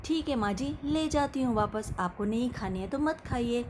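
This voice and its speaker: A woman's voice: fairly high pitch, lively intonation, moderate pace, a little hiss or hum, natural voice. A woman voicing a patient, meek young daughter-in-law in a storybook tale, answering politely. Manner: polite, soft-spoken replies.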